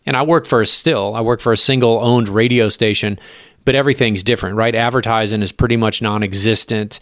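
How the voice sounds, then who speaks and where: A man who works as a radio broadcaster, talking casually as an interview guest, eager and halting with many fillers. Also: fairly low pitch, fairly even intonation, a bit bright, no room sound, clean studio sound. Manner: eager, halting, lots of likes and ums.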